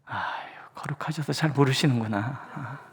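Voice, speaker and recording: A pastor delivers a dawn prayer sermon in a mid-pitched voice. The delivery keeps swinging from loud, emphatic lines to hushed, whispered asides. The preacher acts out the voices of the people in the stories. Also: a little slow, breathy edge.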